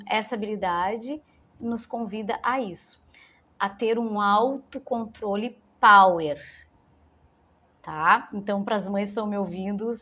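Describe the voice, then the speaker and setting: A woman's voice: mid-range voice, highs cut off. A woman, giving an informal parenting talk to mothers and often rephrasing as she goes. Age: 40s. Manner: warm, conversational, repeats and rephrases phrases. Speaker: educator speaking to mothers.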